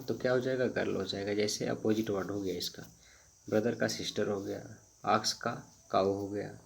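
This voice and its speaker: A man teaching grammar in Hindi, reading each rule out very slowly, one word at a time, and repeating himself with hesitant fillers. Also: fairly low pitch, gravelly. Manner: explains slowly in Hindi, reads English rules very slowly word by word. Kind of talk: Hindi-medium grammar lesson.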